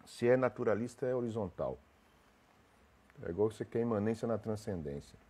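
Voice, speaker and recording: A man's voice: fairly low pitch, lively intonation, brisk, dark tone, breathy edge. A man with a cold, sounding congested, hosting a casual live stream, greeting viewers by name as he rambles with restarts.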